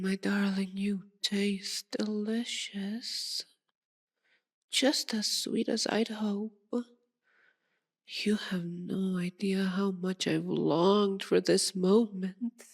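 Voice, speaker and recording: Speaking extremely slowly in a mid-range voice, a woman plays a sadistic, possessive female vampire in an intimate ASMR roleplay. She purrs and dominates, seductive and savoring, frequently sinking toward a whisper.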